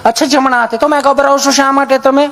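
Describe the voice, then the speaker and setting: A man voicing a woman nurse at a clinic who asks her questions kindly in a high, sing-song voice. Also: fairly even intonation, quick pace, background noise. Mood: sweet.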